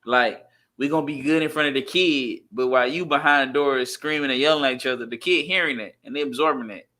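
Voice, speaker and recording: A man with a bright, forceful voice speaks earnestly as a podcast co-host, stopping to find his words. His voice sits at an ordinary pitch. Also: quick pace. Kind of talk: casual podcast chat.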